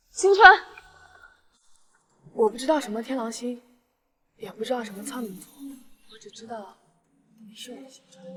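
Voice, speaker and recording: A woman's voice: a little high, a little hiss or hum, close to an everyday voice. An actress playing a tipsy, lovesick young woman in a screen drama, pleading and insisting stubbornly. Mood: drunken, indignant.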